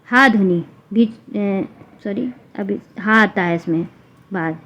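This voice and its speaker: A woman teacher explaining a grammar lesson for exam students, repeating example sounds slowly one by one. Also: medium pitch, a bit bright. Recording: dull lo-fi recording with faint noise.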